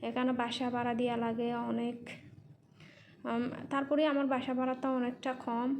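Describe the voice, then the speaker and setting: A woman's voice: fairly high pitch, level tone, moderate pace, background noise. A woman narrating a casual vlog as a non-native Bengali speaker with a Chittagong-influenced accent, repeating and rephrasing things in simple words. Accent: non-native Bengali with Chittagong regional influence. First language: not Bengali. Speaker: vlogger and mother living in Malaysia.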